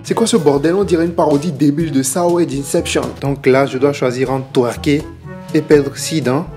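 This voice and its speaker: A man's voice: fairly high pitch, normal speed, a little mellow. A young man performing a scripted comedy monologue, talking to himself and swinging between reasoning through puzzles and panic. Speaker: comedian acting in his own sketch. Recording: music playing underneath.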